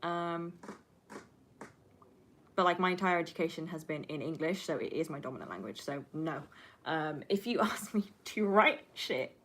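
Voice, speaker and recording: Her voice is low, expressive and fairly bright, moving at normal speed over slight background noise. This Flemish Dutch-speaking woman in her twenties, a film student who livestreams, answers viewers casually, rambling, candid, sweary and emphatic.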